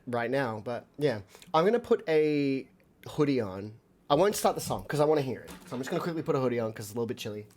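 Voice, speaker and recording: A man's voice: medium pitch, darkish tone. An Australian man, a musician streaming a live album reaction, rambling with many fillers and talking to his viewers.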